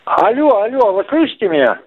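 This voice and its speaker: A man's voice: high voice, big pitch swings. A man in his fifties calling in to a radio show on a bad phone connection, repeatedly asking whether he can be heard. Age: 50s. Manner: hesitant, halting, full of "uh". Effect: phone call with a bad connection, caller repeatedly unable to hear the hosts. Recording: muffled phone line.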